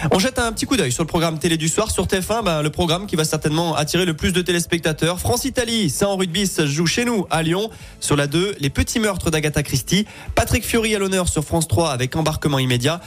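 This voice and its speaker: Male radio host, fairly high voice, brisk upbeat read over faint music. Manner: brisk and upbeat, reads from notes. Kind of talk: TV news roundup.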